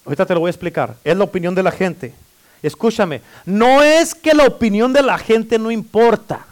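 A male pastor with a high-pitched voice delivers a lively sermon in church. He calls out for amens and playfully teases his listeners as he preaches. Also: moderate pace. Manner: preaching with call-and-response amens; playful, teasing the congregation.

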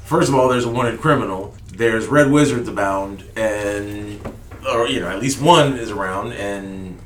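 A man's voice: lowish voice, unhurried, slight background noise. A man playing in a tabletop game, talking hesitantly with many restarts. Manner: hesitant, lots of fillers and restarts. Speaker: player. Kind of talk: casual tabletop game chat. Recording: roomy, distant mic.

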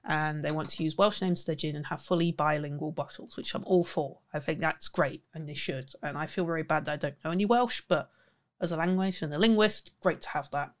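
A young woman in her twenties hosts a casual podcast. Her voice sits slightly low, and she chats in a rambling, friendly way. She giggles often and corrects herself mid-sentence. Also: fairly quick. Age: 20s. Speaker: podcast host. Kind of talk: casual chat.

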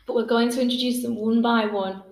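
A woman's voice: a little high, steady tone, fairly quick, a little mellow. Chatty young woman, echoey room. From England. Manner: chatty, laughs often, uses "like" a lot. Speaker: podcast host. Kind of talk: casual chat. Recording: roomy echo.

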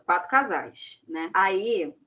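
A woman in casual chat, telling a travel story with animated delivery and acting out what others said. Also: fairly low pitch, slow pace.

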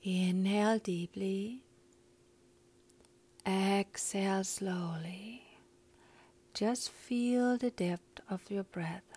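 A woman guiding a breathing meditation in a calm, soft, often whispery voice, counting breaths. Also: medium pitch, extremely slow, pauses often, breathy edge.

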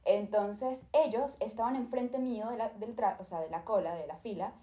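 A woman's voice: medium pitch, moderate pace, mellow, echoey room. A young woman with a Venezuelan accent tells a story vlog-style into a desk microphone. She retells it dramatically and acts out the people in it. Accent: Venezuelan Spanish. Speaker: YouTuber.

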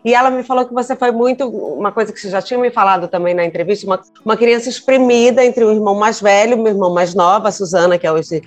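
A woman's voice: medium pitch, quick pace, few pauses, faint music behind. A Brazilian woman hosting an interview, attentively recapping what her guest's family told her. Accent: Brazilian Portuguese. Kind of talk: interview questions.

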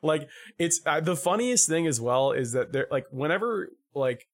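A man co-hosting a casual podcast chat, animated, with lots of fillers, often acting out quotes in a high put-on voice. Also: normal speed. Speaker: podcast co-host.

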